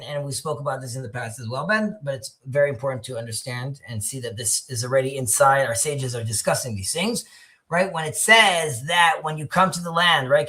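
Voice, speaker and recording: A man's voice: on the high side, pushed and bright. A man hosting an online discussion, explaining prayer texts while searching for his words. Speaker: host.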